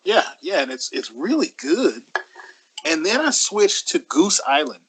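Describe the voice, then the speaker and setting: A man, co-hosting a casual chat in an easygoing, halting way. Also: a little high, sing-song, fairly bright tone, husky. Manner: easygoing, halting, laughs often. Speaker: podcast co-host.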